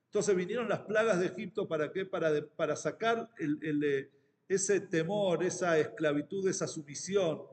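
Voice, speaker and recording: A rabbi with an Argentine accent giving a Torah class, talking in a halting way with many restarts and fillers. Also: male voice, on the high side, long reverb tail. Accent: Argentine Spanish.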